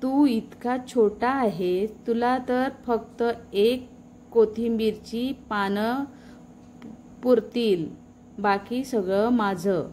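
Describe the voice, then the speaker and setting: A woman's voice: on the high side, extremely slow, darkish tone, a little hiss or hum. A woman voicing a playful, greedy female goat in a children's storybook tale, boastful and teasing.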